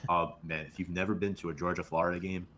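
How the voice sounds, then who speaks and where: Man, deep low voice, relaxed co-host, light background hiss. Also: quick pace. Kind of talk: casual sports talk.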